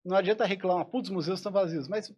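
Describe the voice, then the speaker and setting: High and racing, with a slightly mellow, breathy quality, this musician speaks as a podcast guest. His talk is casual and reflective, full of restarted sentences as he thinks aloud.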